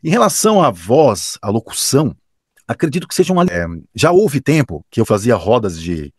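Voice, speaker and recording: A man's voice: mid-range voice, sing-song, normal speed, husky, no room sound, clean studio sound. A man with a Brazilian accent, a professional announcer, answering interview questions with enthusiasm and emphasis, often restarting his sentences. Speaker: professional announcer and radio director.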